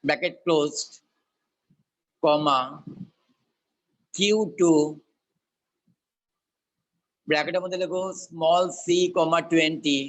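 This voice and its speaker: A man's voice: fairly high pitch, steady tone, very slow, pauses often, rough recording. A male teacher with a Bengali accent dictating to a class word by word, repeating and spelling things out.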